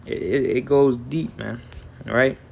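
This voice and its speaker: A man giving casual Bible commentary, reading verses slowly and tagging his lines with "man" and "right". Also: medium pitch, steady tone, creaky, a little mellow, slight background noise. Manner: reads verses aloud in a slow deliberate cadence. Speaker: scripture teacher.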